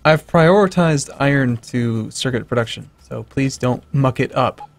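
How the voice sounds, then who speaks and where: A man's voice: mid-range voice, a little slow, vocal fry, no room sound. A man playing a game with friends, making dry, teasing remarks. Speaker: co-player. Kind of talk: casual gaming chat.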